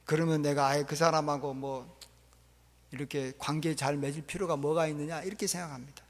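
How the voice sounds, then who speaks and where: Guy preaching in a big echoey church, high voice, gets really animated. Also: fairly quick. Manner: animated preaching, acts out parents and crying child. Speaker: pastor. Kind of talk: sermon. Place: church sanctuary. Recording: long church reverb.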